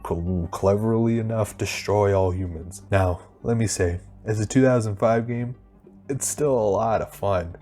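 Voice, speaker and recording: Low-pitched man casually reviewing games. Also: dark tone. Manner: informal, slangy, halting delivery. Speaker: video game reviewer. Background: music under the voice.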